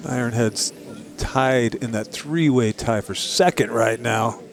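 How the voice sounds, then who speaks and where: A man's voice: mid-range voice, slow. A man giving live golf commentary in short, descriptive remarks.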